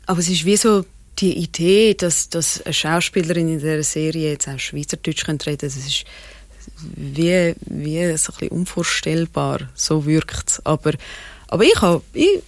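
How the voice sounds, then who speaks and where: A Swiss actress, speaking with a Swiss German accent, chats casually as a guest in an interview, laughing often and slipping in English phrases. Her voice sits low, her pace is moderate, and the recording is dry.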